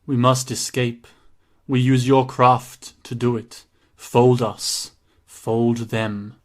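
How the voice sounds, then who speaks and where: Audiobook brute: male narrator doing a huge menacing prisoner woman, very deep, slow, monotone, broken accented speech. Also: natural voice. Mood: grim. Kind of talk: audiobook character voice.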